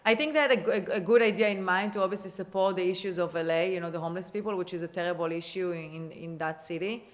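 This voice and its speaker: A real estate agent with an Israeli accent appears as a guest on a relaxed podcast, talking property. Her voice sits on the low side, and she's chatty and quick, often restarting sentences and leaning on fillers.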